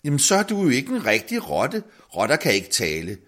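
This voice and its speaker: A man's voice: medium pitch, sing-song, husky, pitched above the performer's own voice. A man voicing an older woman who cooks soup in a huge pot and scolds and mutters to herself. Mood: puzzled.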